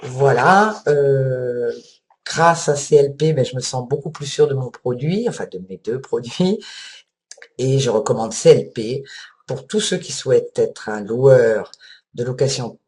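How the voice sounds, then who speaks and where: A woman's voice: rumbling low, a little slow, a little mellow. Earnest woman praising a course. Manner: earnest, enthusiastic, with hesitations. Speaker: holiday rental owner giving a testimonial. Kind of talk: testimonial.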